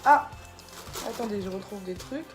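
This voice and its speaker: A woman's voice: mid-range voice, normal speed, music in the background. A woman chatting casually through an unboxing video, tripping over product names as she shows them. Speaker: beauty vlogger. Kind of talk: casual unboxing haul vlog.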